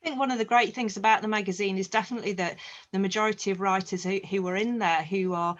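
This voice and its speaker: A woman's voice: medium pitch, steady tone, fast, dull audio. A woman with a Northern English accent hosting a casual podcast interview over a video call, welcoming and with some restarts. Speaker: podcast host.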